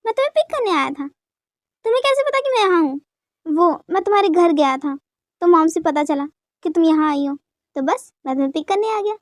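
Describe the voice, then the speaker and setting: A woman reading a boyish young husband in a dubbed fan story, begging and apologising in a very high, thin voice. The sound is close and dry, with no room around it. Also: animated, fairly quick, no echo. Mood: pleading. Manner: coaxing, soft begging.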